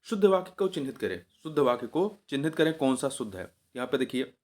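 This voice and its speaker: A man's voice: medium pitch, sing-song, fast talker. A male teacher giving an exam revision lesson. He repeats each answer several times in a coaxing way and corrects himself mid-sentence.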